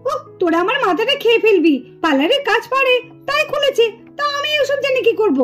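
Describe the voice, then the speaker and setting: A busy cartoon homemaker mother, quick to scold and brush off her children's ideas. Her voice is squeaky and very high and swoops up and down. Faint music plays behind her. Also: expressive, a bit bright. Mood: exasperated. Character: busy homemaker mother, practical, easily exasperated.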